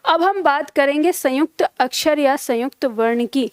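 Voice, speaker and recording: High-voiced woman teaching grammar. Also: no echo, clean studio sound. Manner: patient, repeats key terms slowly, checks "theek hai?". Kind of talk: live online grammar class.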